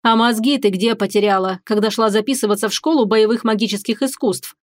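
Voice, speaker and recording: A woman voicing a cruel, sneering female drill instructor in an audiobook, spitting out insults slowly and with contempt. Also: fairly high pitch, steady tone, no room sound, studio quality, close to an everyday voice. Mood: contemptuous. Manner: slow, spat-out insults, contemptuous. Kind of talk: audiobook character voice.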